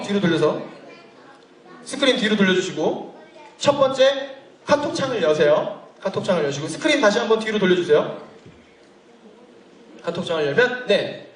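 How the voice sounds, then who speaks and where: A man warming up a live audience as event host, joking and coaxing the crowd with a handheld mic in a large hall. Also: high-pitched, distant mic. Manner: playful, jokey, coaxing the crowd. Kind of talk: lively event hosting. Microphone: handheld mic heard from a distance. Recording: echoey hall, voice from afar.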